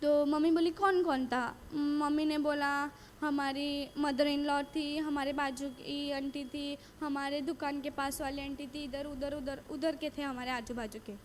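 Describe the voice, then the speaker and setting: A woman's voice: sits high, flat delivery, measured pace, slight background noise. A woman giving a personal faith testimony at a retreat, telling her story earnestly, repeating phrases and acting out dialogue.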